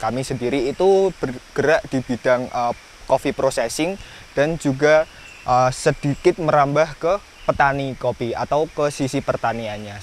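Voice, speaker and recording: A man from Indonesia who runs coffee processing explains the harvest step by step in a documentary interview. He pauses on small fillers as he goes. His voice sits at a middle pitch, with faint ambient noise behind him. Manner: explanatory, with frequent hesitation fillers.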